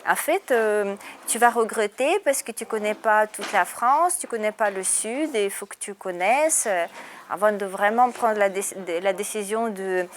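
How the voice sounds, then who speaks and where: A woman's voice: medium pitch, normal speed, a little hiss or hum. Hesitant woman speaking French, raised in Russia. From Ukraine and Russia. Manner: hesitant, many fillers and restarts. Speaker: interviewee. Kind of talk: casual interview.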